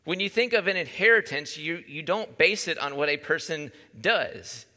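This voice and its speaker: Male pastor, conversational sermon delivery, crisp bright tone, reverberant hall sound. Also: on the high side, animated, moderate pace. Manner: conversational, asks the listeners questions.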